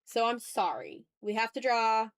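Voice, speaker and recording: She's an art livestream host chatting informally with her audience as she draws, pausing often to say hi to chatters. Her voice is on the high side, animated and a touch slow, picked up by a streaming mic newly positioned a bit far off.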